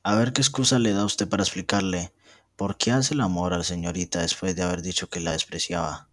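A man's voice: low-pitched, brisk, fairly bright tone, dry recording, studio quality. A young man reading aloud as an outraged female housekeeper who exclaims in indignation. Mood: indignant. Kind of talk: amateur reading of a novel.

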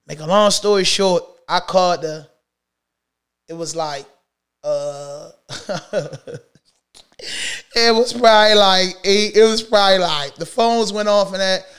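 A middle-aged man telling a story from his own past in a casual storytime, slangy and animated, swinging between loud bursts and low mutters. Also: unhurried, clean tone.

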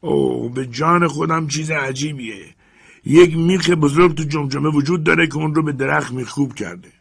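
A man voicing an old male servant who is timid but stubborn, speaking in a high, strained, pleading way. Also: gravelly, husky. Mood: nervous, pleading.

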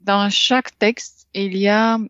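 A woman tutoring in a casual language exchange, explaining patiently with many pauses and fillers. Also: medium pitch, fairly even intonation, fairly bright tone, highs cut off. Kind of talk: casual tutoring over a call.

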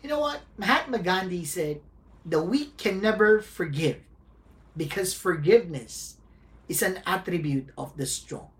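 A woman pastor delivering a sermon, speaking deliberately and repeating key phrases for emphasis. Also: fairly low pitch, expressive.

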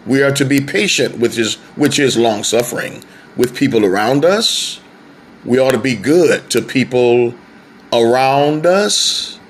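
A man preaching a sermon, slow and drawn out, lifting his voice on key words. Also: medium pitch, a little hiss or hum.

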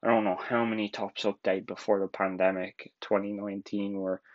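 Irish guy in his twenties, lowish voice, rambling casual podcast host, muffled lo-fi home recording. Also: level tone, moderate pace. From Ireland. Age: 20s. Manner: rambling, casual, laughs often. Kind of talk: solo podcast monologue.

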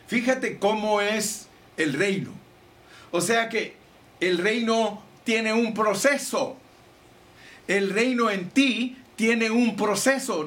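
A man delivers a sermon with fervent, pleading conviction. His voice sits high for a man. He keeps turning to his listeners as brothers. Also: a bit bright. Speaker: pastor.

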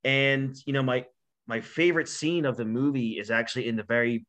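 Male podcast co-host, enthusiastic and sentimental, casual film chat, mid pitch. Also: steady tone, fairly quick, a bit bright.

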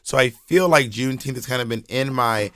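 A podcast co-host from Georgia, US, chats casually and tells loose, rambling stories full of slang, often restarting his sentences. His voice is medium-pitched and fairly bright, and he talks a little fast. The recording has no room sound.

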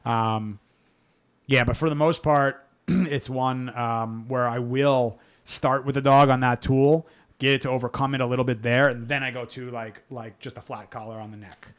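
A man's voice: mid-range voice, steady tone, normal speed. A man hosting a live dog-training Q&A podcast, talking frankly in a rambling, self-interrupting way. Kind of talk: casual live Q&A chat.

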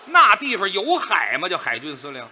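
A man working as the straight man in stage crosstalk, chiming in with short interjections and quick wisecracking retorts. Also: high-pitched, huge pitch swings, bright, forceful tone, a little hiss or hum.

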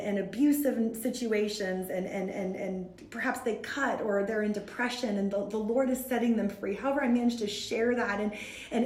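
A woman guest in a conversation, telling a story in an animated, self-mocking way and laughing often. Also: mid-range voice, reverberant. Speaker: guest speaker from a women's ministry.

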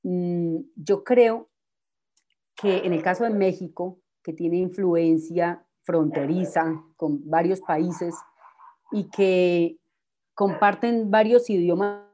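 A woman speaks as a guest teacher. She explains spelling rules patiently and gives examples. Her voice is fairly low for a woman and has a soft, mellow tone. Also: steady tone, takes it slowly. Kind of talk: explanatory casual talk.

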